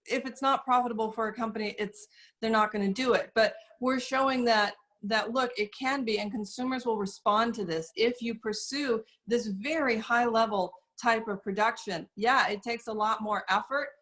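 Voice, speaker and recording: A woman speaking as an interview guest, explaining carefully and earnestly, with frequent pauses and fillers. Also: fairly high pitch, steady tone, a bit bright. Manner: measured, earnest, many fillers. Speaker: guest, soap company representative. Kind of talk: casual interview talk.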